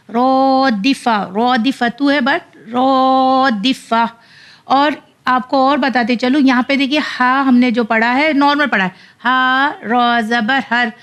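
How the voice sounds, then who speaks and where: High-voiced woman teaching Quran reading. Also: a bit bright. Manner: spells letters and vowels out slowly, then explains rapidly. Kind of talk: slow syllable-by-syllable spelling drills between fast explanations.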